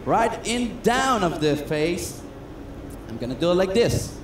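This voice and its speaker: Man, high voice, chatty self-mocking magician patter; echoey stage, noisy room. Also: sing-song, measured pace. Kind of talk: comedic stage patter with audience. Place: cruise ship stage. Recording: echoey stage sound with noise.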